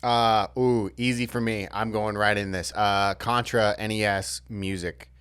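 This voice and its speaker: A man's voice: lowish voice, fairly even intonation, unhurried, a bit bright, smooth, no room sound. A man co-hosting a podcast, laid-back and hesitant, full of "uh"s, swearing casually. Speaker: podcast co-host. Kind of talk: casual chat.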